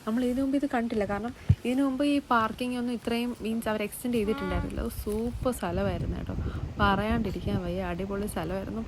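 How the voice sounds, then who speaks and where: A woman's voice: a little high, steady tone, quick pace, noisy background. A woman vlogger with a Malayali accent narrating casually, mixing some English words into her Malayalam. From Kerala, India.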